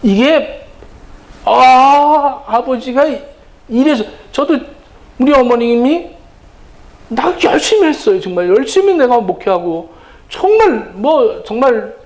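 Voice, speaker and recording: A middle-aged male pastor preaching a sermon, animated and acting out quoted lines in different voices. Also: very high-pitched, takes it slowly, poor audio.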